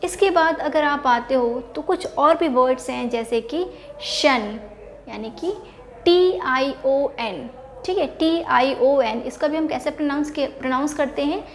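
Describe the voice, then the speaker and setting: A woman's voice: high voice, a little slow, slight background noise. A woman teaching an English spelling and pronunciation lesson. She mixes English words into her Hindi, asks questions and then answers them herself, step by step.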